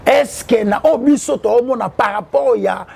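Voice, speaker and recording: A man's voice: very high-pitched, moderate pace, vocal fry, a little mellow, slightly rough. A man, talking in an interview with a preachy manner and quoting the Bible. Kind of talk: interview mixing French and Lingala.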